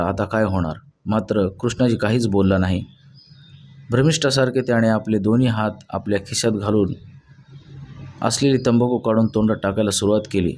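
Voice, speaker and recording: A man narrating a novel audiobook at a steady, even reading pace. His voice sits low and mellow. A faint background hiss runs under the recording.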